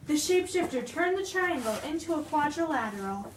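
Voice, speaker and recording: A woman's voice: high-pitched, expressive, fairly quick. A woman narrating a children's storybook aloud as a dramatic reading. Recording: echoey room, distant mic, noisy.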